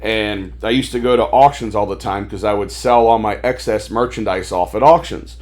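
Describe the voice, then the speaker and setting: A man's voice: lowish voice, moderate pace, a little mellow. A man talking as a podcast guest, telling his life story in a rambling, casual way with lots of fillers, animating the voices of people he quotes. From Maryland, USA. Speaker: podcast guest, toy store owner.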